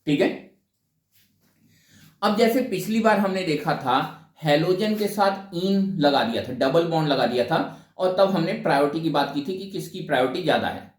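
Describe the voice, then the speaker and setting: A man teaching a chemistry lesson, asking questions and answering them himself and slowing down to spell out names term by term. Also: a little high, lively intonation, echoey room, distant mic. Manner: asks questions then answers them, mixes in English phrases. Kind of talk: explaining a lesson.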